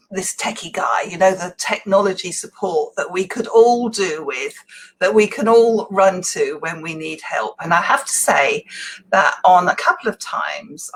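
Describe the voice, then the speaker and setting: A woman's voice: on the low side, gravelly, husky, poor audio. A woman hosting a casual online interview, introducing her guest in a chatty, informal way. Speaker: host.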